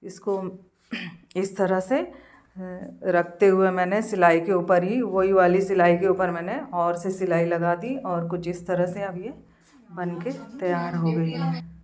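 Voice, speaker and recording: A woman with a hoarse voice from a cold, casually narrating her daily routine and walking through a sewing job step by step, with pauses and fillers. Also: fairly low pitch, fairly even intonation, a little mellow. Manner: slow, homely step-by-step explaining with many pauses and fillers. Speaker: home vlogger.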